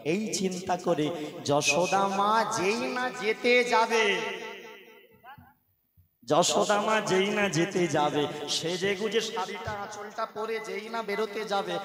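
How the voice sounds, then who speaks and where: High-voiced male kirtan storyteller. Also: slow, crowd noise. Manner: animated, drops to hushed tones and breaks into song. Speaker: devotional kirtan singer and storyteller. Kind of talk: devotional storytelling with song. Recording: echoey hall with loud music.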